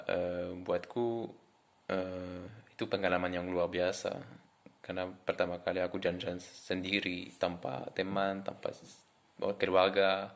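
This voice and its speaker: A man's voice: sits low, fairly bright tone. A young French man with a French accent, speaking Indonesian as a foreigner in a casual, hesitant vlog introduction to camera. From France. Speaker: vlogger introducing himself.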